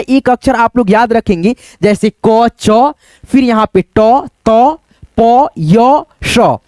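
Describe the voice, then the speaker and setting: A man's voice: very high voice, a little mellow, dry recording. Patient teacher man, dry close sound. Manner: patient, repeats and counts aloud, addresses viewers as friends. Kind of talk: board lesson for beginners.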